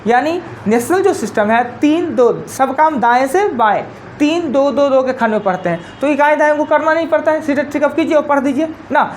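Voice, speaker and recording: A woman's voice: high voice, fairly quick, slight background noise. A woman teacher with a Bihari Hindi accent gives a live classroom lecture. She explains step by step, counting digits aloud and repeating her key points.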